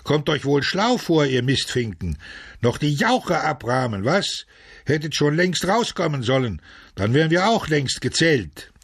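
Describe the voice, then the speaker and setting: A man voicing angry freezing male prisoners who yell coarse insults at stragglers, his pitch raised into shouts. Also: sing-song, a little slow, husky, exaggerated voice. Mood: jeering.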